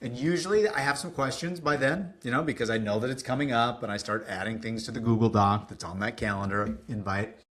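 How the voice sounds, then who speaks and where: Animated storytelling man, podcast guest. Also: medium pitch, fairly quick. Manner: animated, acts out quoted dialogue, casual swearing. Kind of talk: casual interview storytelling.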